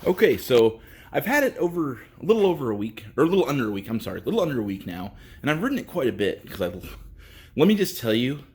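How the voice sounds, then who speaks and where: A man giving a casual, halting walkthrough of a bike in a workshop, with lots of fillers, a bit out of breath. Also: mid-range voice, big pitch swings, a little mellow. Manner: rambling, halting, with many fillers. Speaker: bike reviewer. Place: indoor workshop.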